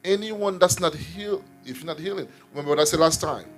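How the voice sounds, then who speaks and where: A male minister speaks earnestly as he shares a personal testimony, doubling back on his words as he goes. His voice sits a little high for a man. Faint instrumental music plays beneath him. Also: quick pace. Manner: earnest storytelling with repeated words. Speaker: apostle and minister.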